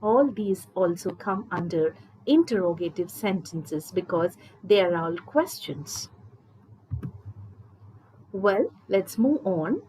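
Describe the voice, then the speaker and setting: A woman teacher gives a grammar lesson at a slow, careful pace. She explains each point patiently and speaks directly to her students. A faint background hum sits under her voice. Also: medium pitch, animated, warm tone, low-quality recording. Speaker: English teacher. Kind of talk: recorded school lesson.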